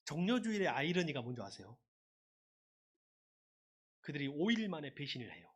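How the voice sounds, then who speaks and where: A man preaching a sermon as a pastor, lively and conversational, leading his congregation in call-and-response shouts. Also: on the high side, normal speed, breathy edge.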